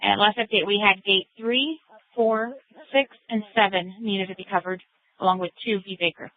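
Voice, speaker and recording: A woman's voice: mid-range voice, normal speed, no echo. A woman police dispatcher giving terse acknowledgments over a police radio transmission, repeating call signs. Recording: tinny two-way radio, dry.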